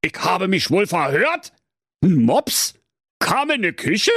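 A narrator voicing a flustered male cook with a Berlin accent, squeaky and incredulous. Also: very animated, slow pace, fairly bright tone, slightly rough, dry recording, studio quality, full character voice. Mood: outraged.

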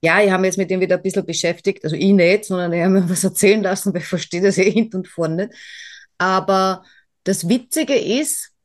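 A woman's voice: mid-range voice, fairly quick. A woman co-hosting a podcast in casual chat, rambling and self-mocking, with many fillers and restarts. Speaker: podcast co-host.

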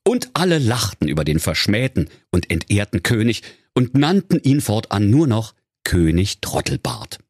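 A man's voice: lowish voice, big pitch swings, moderate pace, hardly any pauses, slightly rough, no echo, studio quality. A man telling a comic fairy tale in a mock-solemn, playful way. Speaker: storyteller.

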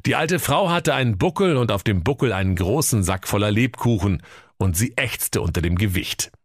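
Animated man reading a comic story. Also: fairly low pitch, normal speed, dry recording, clean studio sound. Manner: animated, playful narration.

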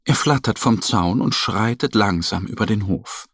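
A man narrating a children's story in a calm, gentle storytelling manner. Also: lowish voice, normal speed, breathy edge, no room sound, studio quality.

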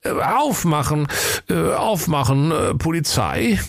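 A man's voice: a little high, very animated, takes it slowly, vocal fry, pitched above the performer's own voice, exaggerated voice. A man voicing a cocky, bumbling male fairy-tale police inspector who hems and haws. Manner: hesitant fillers, brash.

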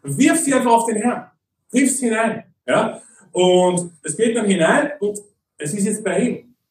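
High-voiced German-speaking preacher in a roomy hall. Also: male voice, lively intonation, distant mic, a little hiss or hum. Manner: conversational, often asks "nicht?" and "okay?"; reads Bible verses slowly and deliberately. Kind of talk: sermon.

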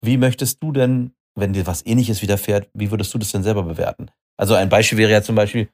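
A man's voice: on the low side, steady tone, quick pace, a little mellow. A man, a father, explaining his view earnestly in a casual podcast chat.

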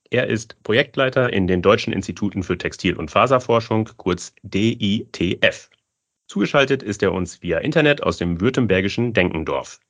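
A man hosting a podcast, reading a smooth, scripted introduction and asking questions. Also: lowish voice, a bit bright. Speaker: podcast host. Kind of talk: podcast interview.

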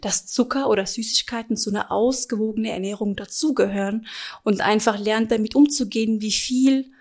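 A woman's voice: fairly high pitch, brisk. A woman in her thirties who grew up in Germany, talking casually as a guest about feeding children, with many little "ja" fillers. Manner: warm, chatty, frequent "ja" fillers. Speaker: nutrition advisor, guest. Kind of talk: casual interview chat.

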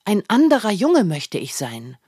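A woman's voice: mid-range voice, huge pitch swings, measured pace, warm tone, breathy edge, no echo, clean studio sound, pitched above the performer's own voice, exaggerated voice. A woman voicing a sad chubby young boy who wants to be someone else, speaking earnestly and pleadingly. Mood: earnest, upset.

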